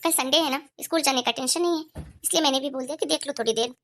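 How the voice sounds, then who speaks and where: Cartoon role: young wife, mother of two, voiced by a woman; high, slightly gravelly, earnest pleading delivery. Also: fast, a bit bright, slight background noise. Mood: casual.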